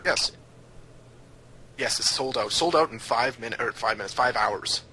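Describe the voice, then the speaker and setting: Young man, excitable, stumbling restarts, bright voice, voice call. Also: mid-range voice, moderate pace, breathy edge. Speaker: podcast guest. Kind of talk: casual chat over a voice call. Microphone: video call.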